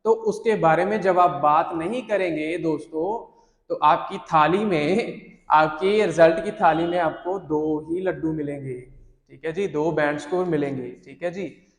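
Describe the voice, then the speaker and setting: High-voiced teacher, echoey room. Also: male voice, measured pace. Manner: chatty, teasing, mixes English phrases into Hindi. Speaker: IELTS teacher. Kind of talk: classroom-style lesson to students. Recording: echoey room with long reverb.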